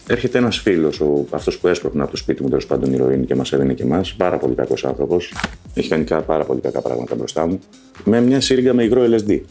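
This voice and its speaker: Very low, dark-voiced man telling his story. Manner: conversational, loose and halting, with frequent fillers. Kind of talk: candid personal storytelling.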